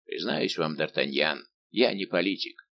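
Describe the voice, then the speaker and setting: A man voicing a big, good-natured, simple-minded old musketeer baron, talking slow and booming. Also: lively intonation, vocal fry, dull audio, a little hiss or hum, heavily acted. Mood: hearty.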